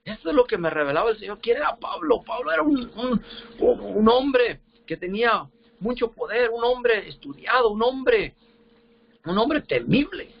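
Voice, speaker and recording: A man preaching a sermon with fervor, reading scripture slowly and often repeating words as he searches for them. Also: extremely high pitch, very animated, gravelly, lo-fi sound, a little hiss or hum. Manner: reads scripture slowly, drawn out.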